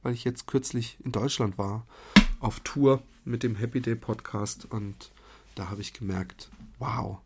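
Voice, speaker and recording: A man's voice: medium pitch, steady tone, a little slow, very noisy. A man from Germany hosting a podcast, talking in a chatty, rambling monologue full of fillers and restarts. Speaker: podcast host. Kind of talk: casual monologue.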